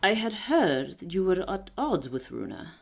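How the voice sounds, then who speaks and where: A woman playing a shrewd, poised lady detective in a radio play, brisk, wry and self-assured. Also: lowish voice, very animated, gravelly, slightly rough, full character voice. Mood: polite, probing.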